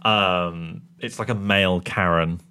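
A man's voice: sits low, steady tone, slow pace, sharp tone, clear, resonant tone. A man co-hosting a podcast, chatting casually and rambling through tangents with self-mocking jokes. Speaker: podcast co-host. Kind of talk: casual chat.

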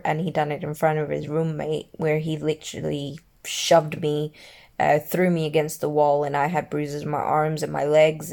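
A woman's voice: sits low, vocal fry, darkish tone. A woman telling a personal story in a vlog, candid and emotional, swearing freely. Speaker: mother telling her own story.

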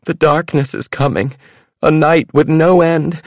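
A man voicing a female fortune teller in a prophetic trance, chanting in a high, drawn-out, wailing voice. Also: fairly even intonation, no room sound. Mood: entranced.

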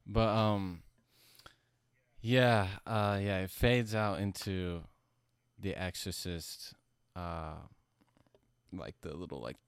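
Deep-voiced stoned man, rambling casually. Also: takes it slowly, pauses often, smooth, dry recording, clean studio sound. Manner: stoner-like, rambling, slangy and profane. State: high from smoking. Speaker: musician being interviewed about own album. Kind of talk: casual chat.

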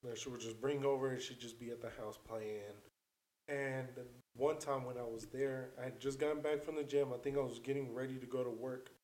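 A man's voice: mid-range voice, steady tone, brisk, a little mellow. Rambling man telling a story, roomy echo. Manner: loose, rambling storytelling full of "like" and swearing. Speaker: storyteller on a podcast. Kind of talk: casual chat.

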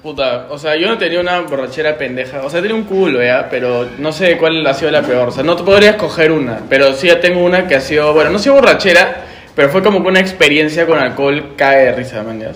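A young Peruvian man spins a loose, swear-heavy story, tossing in tag questions and street slang as he goes. His voice is pitched a bit high and sounds bright and forceful. The recording carries a roomy echo. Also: animated, fast talker. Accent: Peruvian Spanish. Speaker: guest storyteller. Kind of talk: casual anecdote telling.

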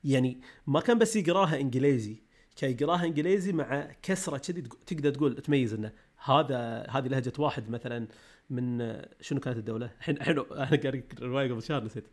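A man, co-hosting a podcast in casual chat, talking eagerly and laughing easily. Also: medium pitch. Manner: rapid, enthusiastic, laughs easily. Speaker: podcast co-host.

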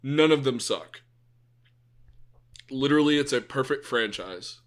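A man's voice: mid-range voice, lively intonation, unhurried. A young man co-hosting a podcast in casual chat, joking and teasing his friend, a bit congested from allergies. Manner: joking, teasing, swears a lot. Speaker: podcast co-host.

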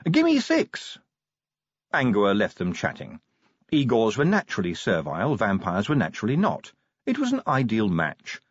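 A man narrates a novel with a wry, expressive delivery, his lowish voice husky and full of lively pitch movement. The recording is dry and slightly dull. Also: normal speed, no echo. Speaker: audiobook narrator. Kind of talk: scripted narration.

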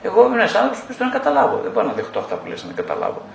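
A man acting out a puzzled therapy client who keeps protesting and demanding clear explanations. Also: high-pitched, wildly swooping pitch, roomy sound, slight background noise, voice pushed up, exaggerated voice. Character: puzzled, insistent adult male therapy client.

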